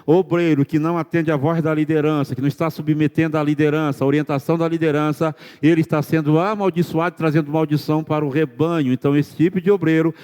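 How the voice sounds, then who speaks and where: A man's voice: fairly high pitch, level tone, quick pace, few pauses, darkish tone, clear, resonant tone. A male pastor preaching a sermon in a church, firing rhetorical questions at the congregation. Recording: church sermon with long hall reverb.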